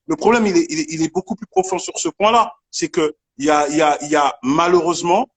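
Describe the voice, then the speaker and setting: A man from Congo with a notably high voice debates live over a call. He is emphatic and insistent, and he restarts his sentences often. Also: lively intonation, fast talker, slightly rough. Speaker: debate participant.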